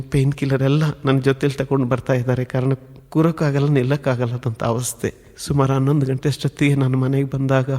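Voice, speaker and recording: A man's voice: mid-range voice, a little mellow. A man preaching, telling his personal testimony in an earnest, emotionally building storytelling manner. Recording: long hall reverb.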